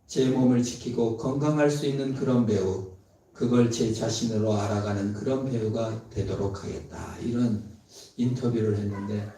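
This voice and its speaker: Mellow-voiced pastor preaching in an echoey hall. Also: male voice, on the low side, fairly even intonation, moderate pace. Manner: dramatic, swings between loud emphatic and hushed tender delivery. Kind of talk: sermon. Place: church sanctuary. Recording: very echoey, from far off.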